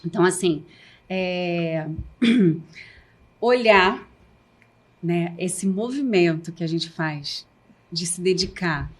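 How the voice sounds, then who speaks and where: A woman's voice: on the low side, slow, long pauses. A woman with a Brazilian Portuguese accent, a podcast guest speaking earnestly and emotionally about her own life, with many restarts. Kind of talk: candid personal talk show conversation.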